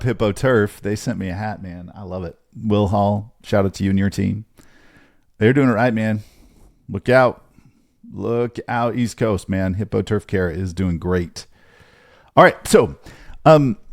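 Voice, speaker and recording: A man hosting his own podcast as a business coach, talking in an energetic, chatty way and laughing often. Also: sits low, no echo, studio quality. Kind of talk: casual podcast monologue.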